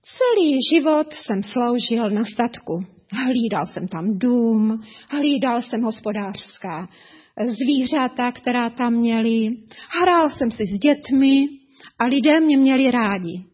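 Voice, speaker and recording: A woman voicing an old male farm dog in a storybook tale, slow and wistful. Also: a little high, lively intonation, breathy edge. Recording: dull lo-fi recording.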